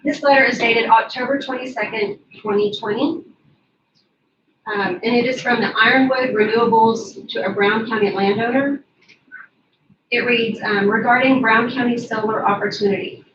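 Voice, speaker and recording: A woman's voice: a little high, steady tone, moderate pace. Lady reading her statement to the court, firm and formal, sounds far off and dull with room echo. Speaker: public commenter at county court. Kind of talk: reading a prepared public statement. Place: county commissioners courtroom. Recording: echoey, distant, dull and noisy.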